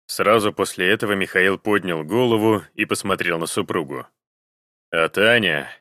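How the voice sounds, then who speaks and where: A man narrates a novel in a measured, even audiobook reading. His voice sits very low, and the recording is dry and close with no room sound. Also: no echo. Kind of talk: storybook narration.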